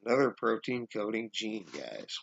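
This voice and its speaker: A conspiracy vlogger gives a casual explanatory monologue from a small room at home, calling his viewers "guys." He halts often, with many fillers and restarts, and he's coughing as he loses his voice. His gravelly, fading voice is fairly low and sing-song, and the webcam picks it up as dull lo-fi audio.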